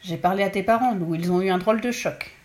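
A woman voicing a gentle male doctor who speaks in a soothing, reassuring way. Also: medium pitch, quick pace, close to an everyday voice. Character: calm, kindly family doctor, man.

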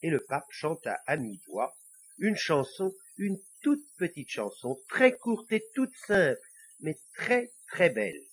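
A man narrating a children's storybook, expressive and confiding asides to the listener. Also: fairly high pitch, slow, husky.

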